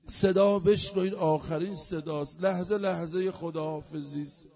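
A man's voice: fairly high pitch, steady tone, dull audio, natural voice. A man preaching voices a grieving, dying young woman as she gives a tender, pleading farewell to her husband. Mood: sorrowful. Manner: soft, pleading, sorrowful.

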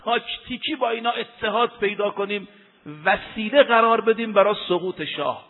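A man delivers a sermon in a high voice, pressing his points and drawing out Arabic quotations in a slow chant. The recording is thin and phone-like, with a long reverb trailing behind him as in a large hall. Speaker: preacher. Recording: tinny lo-fi recording in an echoey hall.

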